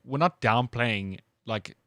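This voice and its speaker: A man's voice: medium pitch, slow, pushed and bright, no room sound, clean studio sound. A South African man co-hosting a sports talk show, laid-back and questioning, full of "like" and "dude". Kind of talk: casual sports chat.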